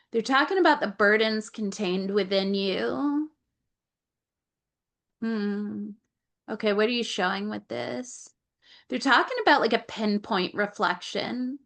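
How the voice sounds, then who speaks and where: Over a video call, a woman with a gravelly, mid-range voice channels an Akashic Records reading. She conveys her guides' messages, frequently repeats phrases, and breaks off to ask them things.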